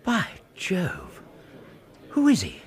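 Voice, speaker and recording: An actor playing a war-weary, irritable but curious Victorian English army doctor in a British radio drama. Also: male voice, sits high, huge pitch swings, very slow, heavily acted. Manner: well-spoken, old-fashioned gentlemanly speech.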